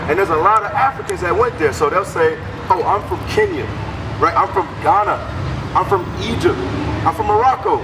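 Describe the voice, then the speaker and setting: A man's voice: high voice, moderate pace. A man preaching on a city street, firing rhetorical questions at a passerby. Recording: distant mic, loud street noise.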